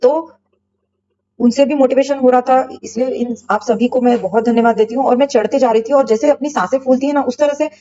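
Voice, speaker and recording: Soft-spoken woman, muffled recording. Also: steady tone. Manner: halting, many fillers and pauses. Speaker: group member sharing a spiritual experience. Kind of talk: emotional personal testimony. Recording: muffled low-fidelity recording with faint hum.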